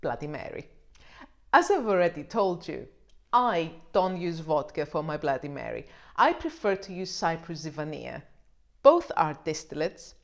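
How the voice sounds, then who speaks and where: A woman presenting a drinks vlog in a scripted explainer style, with wry, playful asides. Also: lowish voice. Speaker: wine vlogger.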